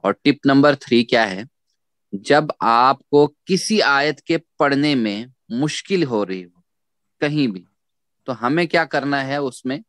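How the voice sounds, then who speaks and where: A man teaching Quran recitation in a slow, patient way, repeating sounds syllable by syllable for students to echo. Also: medium pitch, expressive, a bit bright, clean studio sound. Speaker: tajweed teacher.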